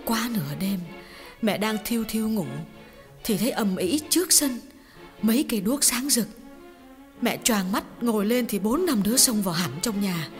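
A grieving mother in an audiobook drama tells a painful family story, her voice somewhat high and halting as words repeat through her tears, performed by a woman. The recording has a long, echoing reverb with music playing softly behind her. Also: animated. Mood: sorrowful. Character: grieving middle-aged mother recounting a family tragedy.

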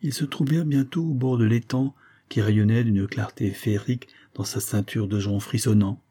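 A man reading a classic novel aloud as narrator, calm and even. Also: fairly low pitch, moderate pace, husky. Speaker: reader. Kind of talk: audiobook narration.

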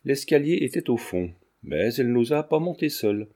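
A man narrating a classic novel as an audiobook, in measured, scripted storytelling. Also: mid-range voice, very animated, dark tone.

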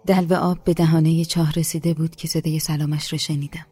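A woman audiobook narrator reading a literary novel in a calm, measured, low-key voice. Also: slightly rough, dry recording, soft background music. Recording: dry close studio.

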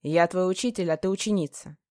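A woman's voice: on the low side, a little fast, warm tone, no room sound, clean studio sound, natural voice. A woman voicing a stern, cold male mage who speaks to his student in curt, clipped lines. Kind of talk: audiobook character voice.

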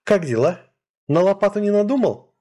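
A mischievous young woman chatters and teases in a voice pitched high above a man's normal range, as a male reader puts her on. The husky tone stays under the lightness. She sounds carefree and playfully mocking. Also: expressive, normal speed, warm tone. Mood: teasing. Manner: light, teasing, laughing. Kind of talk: audiobook character voice.

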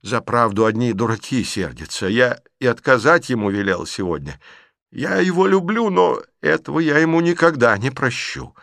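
A man's voice: medium pitch, expressive, normal speed, vocal fry, a bit bright, no echo, studio quality. A man voicing a fiery old aunt. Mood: grumbling. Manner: scolding, blunt, agitated. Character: fiery, sharp-tongued elderly aunt, a woman.

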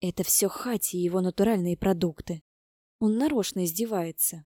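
A woman's voice: lowish voice, normal speed, dark tone, no room sound, studio quality, close to an everyday voice. A woman voicing a frightened, tearful young pregnant woman who complains plaintively.

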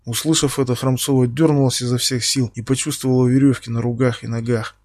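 Man narrating a dark novel, dry sound. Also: mid-range voice, flat delivery, fast talker, no room sound. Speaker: audiobook narrator. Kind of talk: scripted narration.

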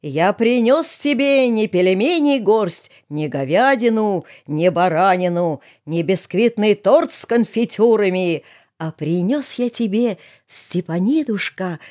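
Lady putting on a guy chanting old folk verses, slow and singsongy, pitch swooping around. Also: expressive, a little mellow. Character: man reciting folk verse to tease.

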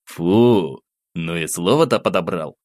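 A man's voice: low-pitched, lively intonation, a little slow, darkish tone, no echo. A man voicing a young male student, a blunt friend who gives short, curt replies. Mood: terse.

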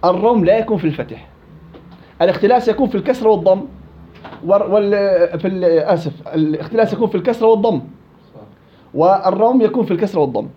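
A man's voice: sits high, quick pace. A man teaching a class on Quran recitation rules, repeating and contrasting each rule to drill it into his students. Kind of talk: classroom tajweed lesson. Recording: muffled lo-fi recording.

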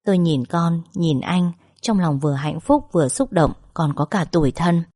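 A woman narrating a first-person story in a calm, emotional storytelling manner. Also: on the low side, moderate pace.

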